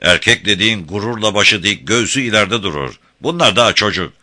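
A man's voice: lowish voice, expressive, fairly quick, bright, forceful tone, pitched above the performer's own voice. A man roaring as Beşvayo, a proud tyrant king. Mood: scornful. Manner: bellowing, mocking, boastful. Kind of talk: audiobook character voice.

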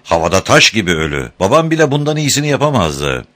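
A man voicing an excitable young girl who shrieks and cries out frantically, in an audiobook reading. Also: lowish voice, quick pace, pitched above the performer's own voice. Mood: thrilled. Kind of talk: audiobook character voice.

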